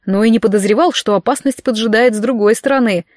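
A woman voicing a young male mage husband with a teasing, weary deadpan. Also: fairly high pitch, fast, no echo, clean studio sound, close to an everyday voice. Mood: wry.

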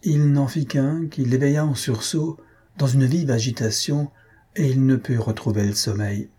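A man narrating a story aloud in a measured storytelling manner. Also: medium pitch, dark tone, breathy edge. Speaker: reader. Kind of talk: audiobook narration.

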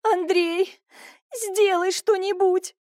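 A young pregnant wife, high-pitched and excitable, always on the edge of tears, as a woman narrator puts her on. Her voice jumps sharply upward, and the recording is close and dry. It is part of an audiobook reading. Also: moderate pace, no room sound. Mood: in pain. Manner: tearful, excitable.

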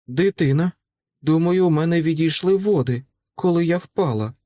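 A man's voice: mid-range voice, expressive, measured pace, darkish tone, no echo, studio quality, natural voice. A man voicing a devout, stern woman in labor, strained and pleading.

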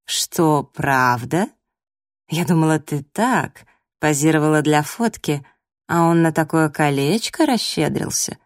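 A woman's voice: low-pitched, lively intonation, a little slow, no room sound, clean studio sound. A woman voicing a haughty, mocking young woman, the jealous ex-fiancée in an audiobook, who talks down with sneering sarcasm. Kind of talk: audiobook character voice.

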